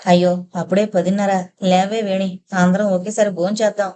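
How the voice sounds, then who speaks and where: A woman voicing a motherly housewife who gently chides and fusses over her family. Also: medium pitch, flat delivery, normal speed, natural voice. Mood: fussing. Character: warm fussing elder sister and housewife.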